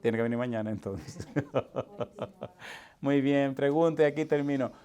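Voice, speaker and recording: A man, a pastor teaching a preaching seminar to a live audience, asking constant call-and-response questions and swinging from loud to hushed. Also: mid-range voice, fairly quick, clear, resonant tone. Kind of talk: lively seminar sermon. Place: church hall with live audience.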